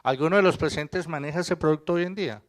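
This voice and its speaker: A man's voice: on the high side, quick pace. Man lecturing a seminar crowd. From Colombia. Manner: conversational lecturing, quizzes the audience, jokes. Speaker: accountant presenting to a seminar. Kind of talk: live seminar presentation.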